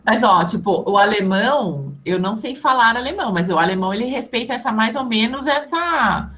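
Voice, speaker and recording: A woman, an English teacher and translator, chatting casually and often tagging her sentences with a quick check-in. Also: fairly high pitch, animated, fairly bright tone. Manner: chatty, many fillers like "entendeu?". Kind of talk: casual chat.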